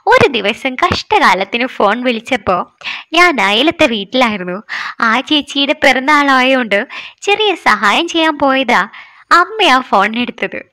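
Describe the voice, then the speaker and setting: A woman's voice: high-pitched, sharp tone, no echo, clean studio sound. Woman voicing a teasing, frank young woman. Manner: teasing, blunt, sulky banter. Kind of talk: storytelling with voiced dialogue.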